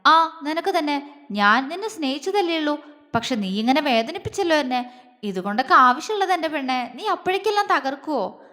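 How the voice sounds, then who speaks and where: A woman's voice: sits high, lively intonation, brisk. Woman voicing a teasing tender young husband. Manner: soft coaxing, teasing. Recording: long reverb.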